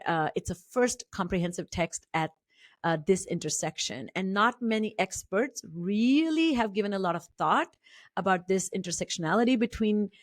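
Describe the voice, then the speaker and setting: Hosting an interview podcast, this middle-aged woman from India, a Marathi native speaker with an Indian English accent, talks deliberately but often restarts and uses fillers. Her voice sits on the low side, and the recording is dry and clean, with studio quality.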